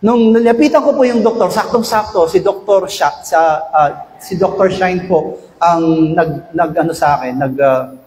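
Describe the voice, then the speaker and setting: A man, a pastor giving a chatty, storytelling sermon that swings up to loud shouted exhortation. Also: sits high, moderate pace, a little hiss or hum. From Philippines. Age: 50s. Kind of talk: conversational sermon. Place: church sanctuary. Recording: echoey church hall, long reverb.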